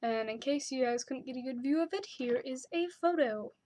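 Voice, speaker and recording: A woman's voice: high voice, moderate pace, darkish tone, a little hiss or hum. A young woman chatting casually to her camera, with lots of "like" and "um" fillers. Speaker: vlogger.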